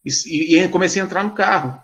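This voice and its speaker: A man, a pastor telling a story to a live online audience in an animated, sarcastic way. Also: high-pitched, fast talker, dull audio.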